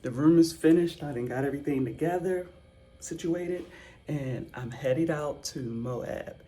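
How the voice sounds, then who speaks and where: A man in his fifties from the United States, vlogging casually about his travels in an unhurried, chatty way and repeating his exclamations. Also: on the high side. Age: 50s. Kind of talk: casual travel vlog talk. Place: inside a car on a road trip. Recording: steady car and road noise behind.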